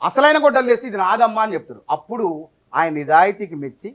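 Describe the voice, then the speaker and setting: A man's voice: high voice, big pitch swings, fast talker. A man, speaking as a party spokesman in a heated debate who tells a folk parable at length and talks over interruptions.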